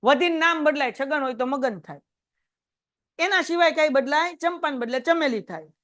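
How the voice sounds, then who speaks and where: A male teacher lectures a class on math in a chatty, quizzing way. His voice sits notably high for a man. The sound is dry and close, with little room echo. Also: normal speed, fairly bright tone. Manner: chatty, quizzes students and tells anecdotes. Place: classroom with students.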